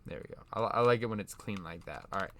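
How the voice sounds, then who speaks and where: A man's voice: on the low side, fast talker, fairly bright tone. A young man giving casual, rambling commentary over his own gameplay, often correcting himself and laughing at himself. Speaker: gaming YouTuber.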